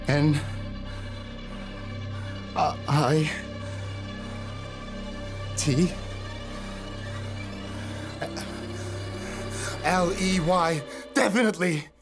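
An actor playing a frightened young criminal who pleads and halts as he speaks, in a short film. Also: on the high side. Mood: strained. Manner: pleading, halting, shaky.

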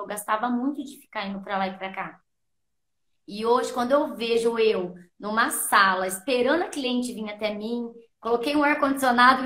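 A woman talks through her story as a podcast guest, her voice sitting a little high. She is earnest and keeps replaying her own past thoughts as quotes. The recording carries a roomy echo. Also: a bit bright. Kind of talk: casual interview storytelling.

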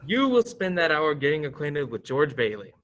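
Senior angel for radio play, teenage male actor: slightly high male voice, calm, authoritative, businesslike. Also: moderate pace, highs cut off. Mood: calm, instructive.

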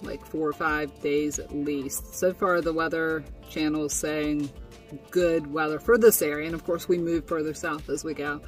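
This young vlogger, speaking from inside a small tent, has a low voice with fairly even intonation and a moderate pace. She sits far from the mic, soft music playing behind her, as she chattily recaps her day with lots of fillers and laughter.

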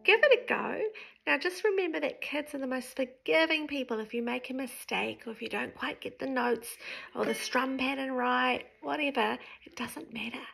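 A woman's voice: sits high, moderate pace, vocal fry, a bit bright, soft background music, low-quality recording. A woman, teaching ukulele in a friendly, encouraging way from her living room, recorded close on a phone. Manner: friendly, encouraging, explains while strumming. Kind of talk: spoken tutorial between songs. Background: ukulele strumming.

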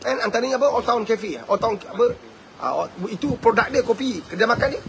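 A man in his fifties with a Malaysian Malay accent, giving a fervent, preachy live talk as a motivational speaker and answering viewer questions, at times breaking into shouts. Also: very high-pitched, fairly quick, creaky.

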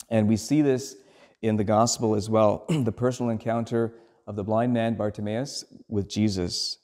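A man in his forties, from Sri Lanka, giving a homily as a priest in a measured, earnest way with frequent pauses and fillers. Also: on the low side, mellow.

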